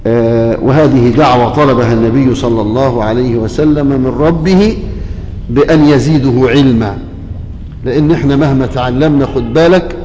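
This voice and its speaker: A man's voice: medium pitch, normal speed, dark tone, dull audio. A man with an Egyptian Arabic accent giving a Quran commentary lesson. He speaks straight to his listeners, keeps checking that they follow, and breaks into chanted recitation. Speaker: Quran teacher. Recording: echoey hall with long reverb.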